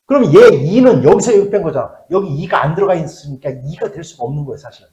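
A man's voice: a little high, quick pace, roomy sound, lo-fi sound. A middle-aged man teaching a math class, checking in with questions and muttering as he works at the board. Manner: lively, asks checking questions, drops to mutters while writing. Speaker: math tutor.

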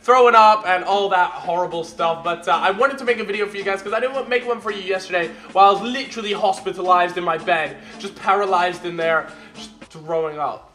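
A young man giving excited, casual gameplay commentary with animated, jokey banter and exclamations. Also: high voice, brisk. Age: young adult. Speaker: gaming video host. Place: bedroom, indoors. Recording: echoey room, music behind. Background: music.

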